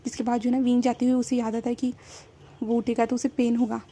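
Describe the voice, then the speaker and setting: A woman casually retelling a fan story, full of repeated fillers, with a husky voice. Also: a little high, little pitch movement, quick pace, dark tone.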